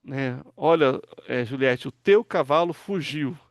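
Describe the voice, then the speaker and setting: A pastor teaching an online Hebrew class, patiently walking students through word forms and asking them to read aloud. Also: male voice, mid-range voice, a little slow, no room sound, studio quality. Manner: patient, explains step by step, asks students to read.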